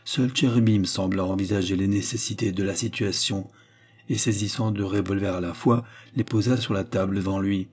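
A man reading a novel aloud as steady scripted narration. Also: on the low side, normal speed, husky. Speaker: audiobook reader.

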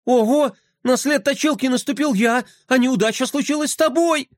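A man voicing an anxious, superstitious young boy in a storybook reading, fretful and quick to panic. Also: high-pitched, no room sound, studio quality, voice pushed up.

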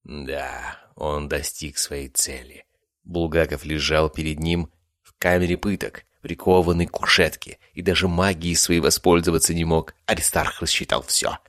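A man narrating a fantasy audiobook with expressive storytelling. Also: rumbling low, moderate pace, no room sound, clean studio sound.

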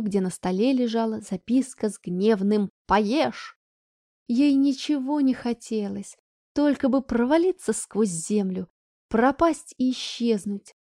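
Mellow woman narrating an audiobook. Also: on the high side, no room sound, studio quality.

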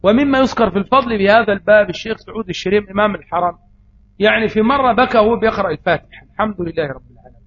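Man, Egyptian accent, preacher, high voice, slightly dull recording. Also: racing. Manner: rhetorical questions answered himself. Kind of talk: religious lesson. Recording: slightly dull audio, faint noise.

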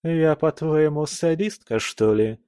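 A man's voice: medium pitch, normal speed, dark tone, no room sound, clean studio sound, close to an everyday voice. A man voicing a stern, sarcastic mother who scolds her children with mock sweetness. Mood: sweetly menacing.

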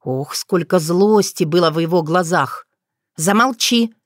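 An audiobook narrator reading a fairy tale in a measured storytelling manner. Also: medium pitch, dry recording, studio quality.

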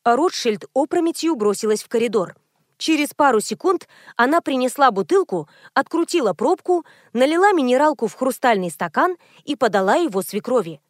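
A woman narrating an audiobook in the first person, in an even, measured storytelling manner. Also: high-pitched, no room sound, clean studio sound. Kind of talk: scripted narration.

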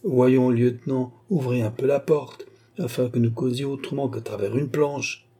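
A man's voice: mid-range voice, steady tone, normal speed, mellow, breathy edge. A man voicing a brash young prince. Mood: haughty. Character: bold young prince, playful and commanding.

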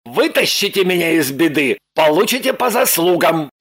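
Man voicing a husky bossy fugitive. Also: fairly high pitch, big pitch swings, moderate pace, a bit bright, full character voice. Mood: insistent, bossy. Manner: blunt, insistent and bossy. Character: pushy demanding man on the run. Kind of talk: audiobook character voice.

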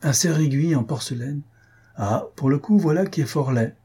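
A man's voice: fairly high pitch, expressive, moderate pace, dark tone, slightly rough, pitched above the performer's own voice. A man reading aloud and voicing a nervous young male student who speaks in a stiffly ceremonious way.

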